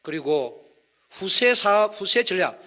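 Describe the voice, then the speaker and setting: A man preaching a lively sermon, joking with wordplay and calling on the congregation to raise their hands. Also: sits high, measured pace. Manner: energetic, humorous, with wordplay and audience prompts. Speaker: pastor. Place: church hall.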